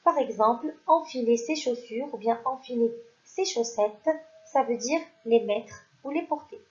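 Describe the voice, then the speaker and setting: A woman teaching young children to read, spelling out words slowly and clearly, syllable by syllable. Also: fairly high pitch. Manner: slow, clear, stretches out syllables. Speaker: primary school teacher. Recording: dull lo-fi sound.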